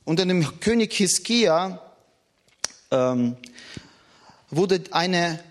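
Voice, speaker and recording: A man's voice: animated, very slow. A man preaching a sermon in an earnest, emphatic way, with a foreign accent. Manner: earnest, emphatic, rises and drops in pitch.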